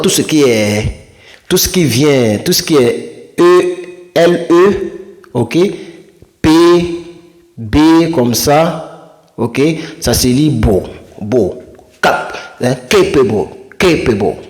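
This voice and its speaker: A man teaching vocabulary in a casual, chatty way, repeating words and correcting himself as he goes. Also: mid-range voice. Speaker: English teacher.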